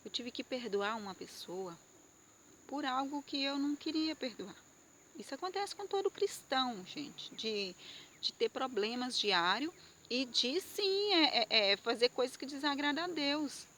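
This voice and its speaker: Woman, fairly high voice, heartfelt testimony sermon, slight background hiss. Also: animated, a little slow, bright, forceful tone. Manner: earnest and emotional, with frequent fillers and repetitions. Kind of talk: personal testimony sermon to viewers.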